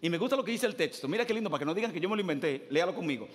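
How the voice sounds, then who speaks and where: A man pastor, preaching a lively, joking sermon that swings from loud to hushed. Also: high-pitched, very fast. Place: church hall. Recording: long hall reverb.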